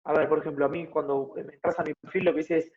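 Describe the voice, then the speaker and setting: A man's voice: fairly high pitch, little pitch movement, quick pace, darkish tone, muffled recording, slight background noise. A man in his thirties with an Argentine accent, explaining his ideas at length as a guest in a casual interview, often adding tag questions. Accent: Argentine Spanish (Buenos Aires). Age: 30s. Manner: explanatory, thinks aloud with frequent tag questions. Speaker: guest, fitness motivator.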